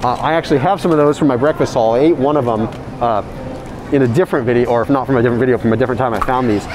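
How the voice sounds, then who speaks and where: A man speaking through a face mask in a grocery store aisle, reviewing frozen food in a chatty way and reading the labels out loud. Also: medium pitch, very fast, background noise. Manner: chatty, reads labels aloud. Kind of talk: casual product review.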